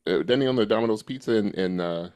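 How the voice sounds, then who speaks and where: Deep fast-talking male host. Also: darkish tone, no echo. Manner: quick, chatty interjections. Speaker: podcast host. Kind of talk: casual chat.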